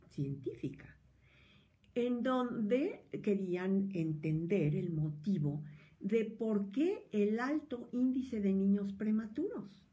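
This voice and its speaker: Expressive Mexican woman psychologist lecturing. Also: mid-range voice. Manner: expressive, animated, drops into whispers at times. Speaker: psychologist giving a talk. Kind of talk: explanatory lecture addressing listeners.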